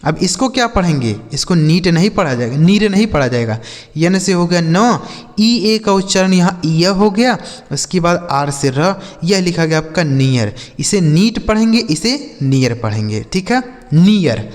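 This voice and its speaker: A man teaching a spoken lesson, spelling letters out slowly and repeating questions to the viewers before answering them. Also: sits high, lively intonation, big-room sound. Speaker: English teacher.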